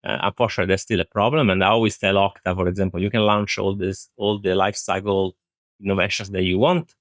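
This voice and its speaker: Deep and steady, the man's voice moves at a quick pace in a studio-quality recording free of room sound. As an IT director fielding interview questions, he speaks earnestly, leaning on repeated phrases for emphasis while giving thoughtful, conversational responses.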